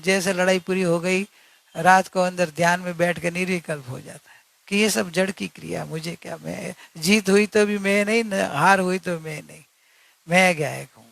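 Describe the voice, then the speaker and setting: With a voice that sits high, carries vocal fry and has a fairly bright tone, a spiritual teacher gives an earnest religious discourse, recorded without echo. He repeats key points and asks rhetorical questions.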